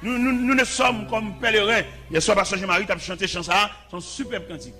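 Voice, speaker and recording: A man preaching a sermon, impassioned, now and then breaking into shouts and short sung lines. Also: high voice, a little fast.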